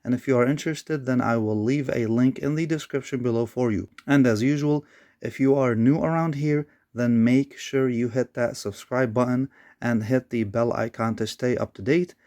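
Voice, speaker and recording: A man's voice: medium pitch, normal speed, mellow, no room sound, studio quality. Casual man hosting a tech review. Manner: informal, addresses viewers as guys and folks. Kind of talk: casual gadget review to viewers.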